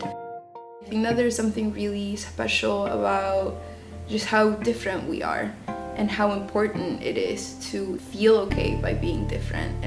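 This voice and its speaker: A young woman from Chile talks in an earnest, reflective way, now and then searching for the right word. Her voice rings in a roomy, echoing space while guitar music plays clearly underneath. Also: mid-range voice. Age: 20s. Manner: earnest, thoughtful, searching for words. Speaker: student interviewee. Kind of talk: personal reflective talk. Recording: echoey room with guitar music.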